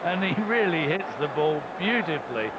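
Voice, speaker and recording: A man's voice: a little high, expressive, moderate pace, highs cut off. A man giving conversational co-commentary on a football match, reacting to and explaining the play. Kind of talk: live football punditry, conversational. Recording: very noisy, loud stadium crowd. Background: noisy football crowd.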